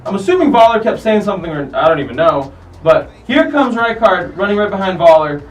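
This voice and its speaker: A man's voice: high voice, a little fast, distant mic, poor audio. A man hosting a soccer countdown show, commenting casually and animatedly on footage, swearing freely. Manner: animated, profane, acts out players' lines.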